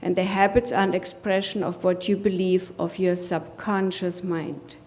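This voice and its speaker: A woman's voice: lowish voice, little pitch movement, normal speed, a little mellow. A woman from Germany with a German accent, giving a motivational conference presentation and putting rhetorical questions to the audience. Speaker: conference speaker.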